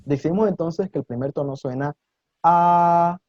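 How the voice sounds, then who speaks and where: A man's voice: mid-range voice, normal speed, husky, no echo, highs cut off. A man teaching an online Mandarin lesson in Spanish, patiently explaining and demonstrating tones with exaggerated intonation and encouraging his students.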